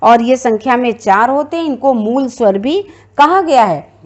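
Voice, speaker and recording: A woman's voice: on the high side, lively intonation, moderate pace, highs cut off. A woman teacher giving a classroom grammar lecture, explaining step by step and repeating her points.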